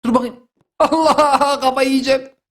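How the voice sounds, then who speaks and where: A young man commentating his own gameplay with a very high voice. He gets excitable, bursts into loud exclamations and repeats his lines as he plays. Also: normal speed. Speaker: gaming video host.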